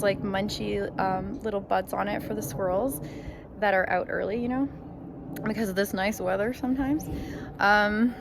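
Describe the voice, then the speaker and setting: Outdoors in her home garden, a gardening vlogger from Ontario, Canada, gives a rambling, chatty tour and gushes over her plants. Her voice is medium-pitched and creaky, with outdoor noise audible behind it.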